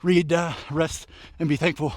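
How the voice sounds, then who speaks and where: A man with a slightly high voice gives a casual book recap while running. He is winded and speaks in short, breathy phrases. The sound is very dry, with no echo around the voice. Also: little pitch movement, moderate pace. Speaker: book reviewer vlogger. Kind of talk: casual book recap vlog recorded on a run. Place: outdoors at night.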